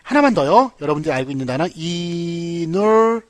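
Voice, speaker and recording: A man teaching English vocabulary in a lively lecture, playful and full of puns. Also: a little high, moderate pace, no echo. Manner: animated, playful, jokes and puns, addresses viewers as 여러분.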